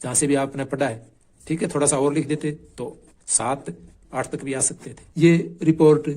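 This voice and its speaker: A man's voice: fairly high pitch, steady tone, normal speed, warm tone. A man coaching exam candidates, going patiently through a marked answer sheet and repeating the key points.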